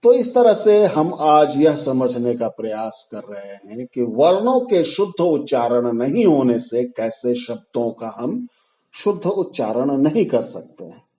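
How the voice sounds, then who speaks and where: Slow, careful man teaching pronunciation. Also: mid-range voice, very animated, warm tone. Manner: careful, deliberate explanation with drawn-out example sounds. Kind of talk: pronunciation lesson.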